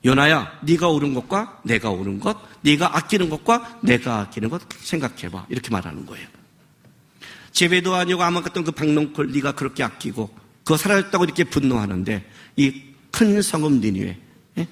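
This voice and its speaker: Impassioned pastor with a lively voice. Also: male voice, fairly high pitch, fairly quick. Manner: impassioned, scolding rhetorical questions. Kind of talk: sermon. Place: worship service.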